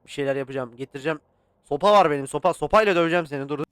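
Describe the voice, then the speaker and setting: Smooth-voiced man playing a horror game. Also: fairly high pitch, rapid-fire. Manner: swears and yells at jump scares, chatty with the game. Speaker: gaming channel host. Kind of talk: casual let's-play commentary.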